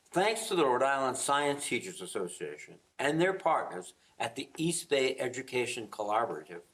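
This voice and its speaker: A man reads formal opening remarks meant to encourage students. His mid-pitched voice moves up and down with very animated intonation.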